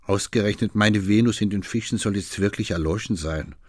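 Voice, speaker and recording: A man's voice: on the low side, fairly quick, a little mellow, no room sound, clean studio sound, natural voice. A man voicing a teasing young woman. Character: young woman, quick-witted, teasing assistant. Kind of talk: audiobook reading.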